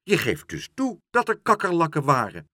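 A man's voice: on the high side, huge pitch swings, moderate pace, pushed and bright, no echo, clean studio sound, pitched above the performer's own voice, exaggerated voice. Brief: man doing a self-important porter, dismissive, swinging tone. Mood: pompous. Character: pompous officious male building porter.

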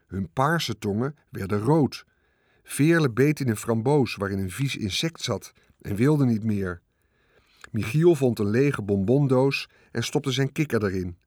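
A man performs a children's storybook narration, expressively tracking the action through changes in pitch. It's a studio-quality recording without echo.

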